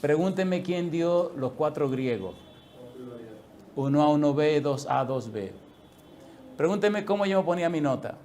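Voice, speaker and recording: A middle-aged male pastor preaching a sermon, telling a personal story with lively acted-out dialogue and frequent laughter. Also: fairly high pitch, measured pace, long pauses, a little hiss or hum. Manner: animated storyteller, acts out dialogue, laughs often.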